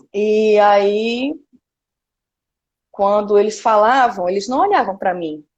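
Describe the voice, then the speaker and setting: A woman in her thirties with a Northeastern Brazilian accent, a cultural producer telling her story frankly and lively in an interview. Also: medium pitch, muffled recording. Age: 30s. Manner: lively and frank, frequent "né" tags.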